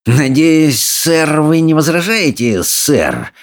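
A man's voice: sits high, sing-song, a little slow, pitched above the performer's own voice. A man voicing a cocky, sneering Viking boy who mocks and threatens the others. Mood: menacing. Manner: mocking, hissing threats. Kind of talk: audiobook character voice.

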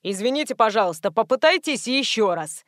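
A woman's voice: a little high, sing-song, fairly quick, fairly bright tone, dry recording, clean studio sound. A woman reading an audiobook, voicing an overly polite, flustered male estate manager with an old-fashioned, obsequious courtesy. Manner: flustered, bleating when pressed.

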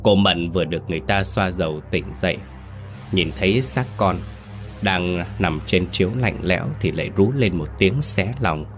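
A man's voice: deep voice, moderate pace, soft background music. A man narrating a ghost story in a dramatic, suspenseful reading.

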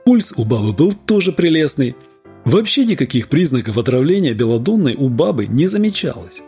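A man reading a literary story aloud in an expressive, theatrical way. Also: medium pitch, fairly quick, faint music behind. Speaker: audiobook reader. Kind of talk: scripted literary narration.

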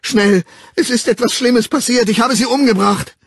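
A man voicing a frantic, grief-stricken young man who shouts urgently in an audiobook. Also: very high-pitched, normal speed, gravelly, breathy edge, no echo, clean studio sound, pitched above the performer's own voice, heavily acted. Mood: panicked.

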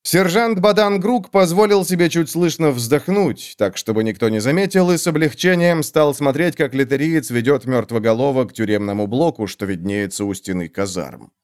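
A man narrating a fantasy audiobook with an expressive reading. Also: medium pitch, moderate pace, few pauses, clean tone.

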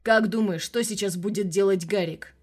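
Loud blustering older colonel on a phone; woman reader voicing him. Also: medium pitch, normal speed, husky, close to an everyday voice. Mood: gruff. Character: gruff, hot-tempered older male police colonel.

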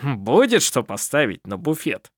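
A male audiobook reader voicing a hearty, boastful miner who speaks loudly and slowly. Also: medium pitch, big pitch swings, no echo, clean studio sound. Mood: jovial boasting. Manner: loud, slow, jovial.

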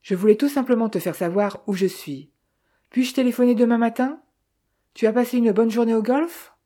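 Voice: medium pitch, moderate pace, warm tone, voice pushed up, close to an everyday voice. A reader voicing a young, idle male heir who speaks in an offhand, detached way.

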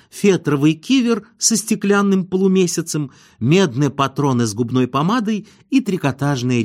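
A man narrating a comic audiobook with expressive, wry storytelling. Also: medium pitch.

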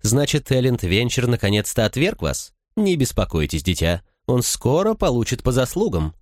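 A man's voice: mid-range voice, very animated, normal speed, a little mellow, no echo, studio quality, pitched above the performer's own voice, natural voice. A man voicing a sly, smug noblewoman who gossips and schemes, talking condescendingly in an audiobook. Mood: chatty. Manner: chattering, condescending.

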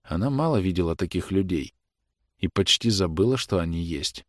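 A male narrator reads literary prose in a measured, grave manner. His voice is low, and the recording is dry and close with no room sound. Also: animated, no room sound. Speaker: audiobook narrator.

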